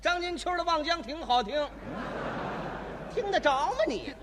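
A man's voice: very high-pitched, expressive, normal speed, fairly bright tone, slight background noise. A man performing stage crosstalk, playing a rude and mocking bus conductor. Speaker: crosstalk comedian. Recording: stage recording with long hall reverb.

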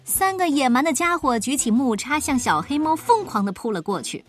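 A woman narrating a children's storybook with expressive, lively delivery. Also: high-pitched, fairly quick, faint music behind.

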